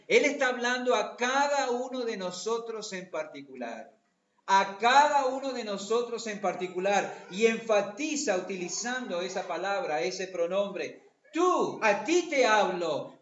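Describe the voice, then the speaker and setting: A man's voice: high-pitched, expressive, moderate pace, a bit bright, reverberant, muffled recording. A man preaching a sermon as pastor, often tagging his points with rhetorical questions. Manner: rhetorical questions with repeated tags.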